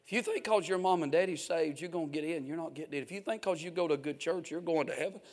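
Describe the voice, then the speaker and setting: Pleading preacher, loud then hushed. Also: male voice, fairly high pitch, quick pace. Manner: pleading, swings from loud exhortation to hushed urgency. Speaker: pastor. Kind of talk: revival sermon with altar call. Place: church sanctuary.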